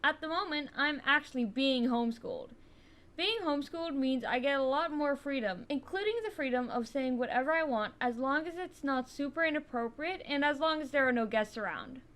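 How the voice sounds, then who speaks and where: A woman's voice: sits high, animated, a little fast, a bit bright. A teenage girl narrating a scripted storytime in a chatty, wry way.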